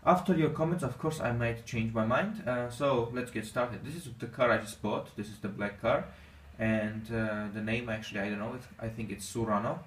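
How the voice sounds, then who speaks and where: An Armenian man with a mid-range voice hosts a gaming channel, offering casual gameplay commentary in halting, non-native English full of fillers. He's recorded on a distant mic in a roomy, echoey space with faint noise.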